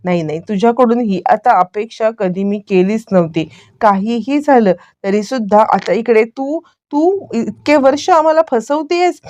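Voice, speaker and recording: An angry young husband, scornful and commanding, as a woman narrator reads his lines. The voice is warm and mellow in tone. The sound is dry and close. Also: fairly high pitch, moderate pace, dry recording, lightly acted. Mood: furious. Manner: shouting orders, scornful.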